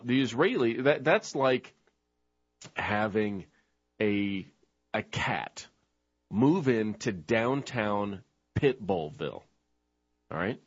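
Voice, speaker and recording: Husky, combative male talk-show host. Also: fairly low pitch. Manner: combative, mocking, name-calling. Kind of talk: ranting talk-show commentary. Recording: dull lo-fi recording.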